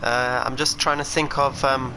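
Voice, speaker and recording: A South African racing driver streams a sim racing game, chatting and thinking out loud as live gameplay commentary. His voice is medium-pitched and flat, at a normal speed. Game engine noise and racing car sounds run underneath.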